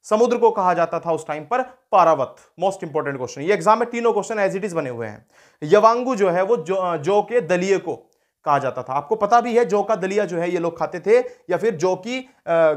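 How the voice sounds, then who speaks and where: Male teacher with a high voice, exam coaching. Repeats the key terms, asks and answers his own questions. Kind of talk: exam-prep history lesson.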